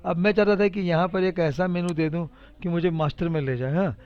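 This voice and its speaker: A man's voice: sits high, fairly even intonation, a little fast. A man with a slightly raised voice runs a casual spreadsheet tutorial, repeating each step aloud and cheering his students on with playful teasing. The sound is a little dull and lo-fi. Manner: chatty, repetitive, teasing and encouraging. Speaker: computer teacher. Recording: dull lo-fi recording.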